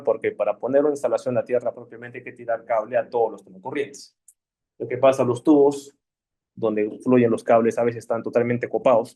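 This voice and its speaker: A man's voice: medium pitch, mellow. Guy teaching basic electricity, laid back, keeps asking "¿sí?" "¿no?". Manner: chatty, checks in with frequent "¿sí?" and "¿no?". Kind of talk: casual classroom lecture.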